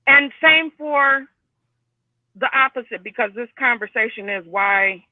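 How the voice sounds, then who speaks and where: A man's voice: extremely high pitch, measured pace, no room sound. A man calling in as a guest on a panel talk, speaking directly and with emphasis over a phone line. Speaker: call-in guest. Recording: tinny dry phone line.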